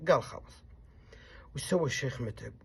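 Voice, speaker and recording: A man, a poet telling a traditional story, acting out the characters with loud commands and low muttered asides. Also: lively intonation, fast talker, creaky, breathy edge.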